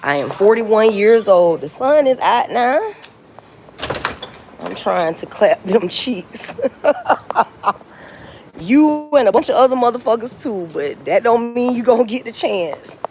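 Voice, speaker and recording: Soft music plays behind a woman in her forties as she talks to viewers on a phone livestream outdoors. Her fairly high, a little mellow voice has lively intonation, moves a little slowly, and includes long pauses. She's blunt, repeats herself, and swears and laughs a lot.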